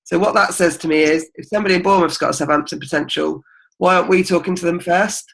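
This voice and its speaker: A woman's voice: on the low side, fairly even intonation, fast talker, vocal fry, low-quality recording. A woman leading a team meeting, talking casually and encouragingly with plenty of ums. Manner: chatty and encouraging, with many ums. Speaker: team leader. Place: indoor group meeting.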